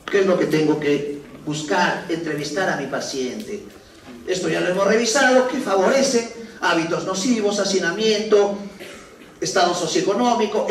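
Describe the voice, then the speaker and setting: A high-voiced man lectures medical students in a lively, joking way, mimicking patients as he goes. He is captured from some distance in a large, echoey room with a faint hum of ambience. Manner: animated, acts out patients' complaints with laughs. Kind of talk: classroom lecture. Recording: roomy distant classroom recording.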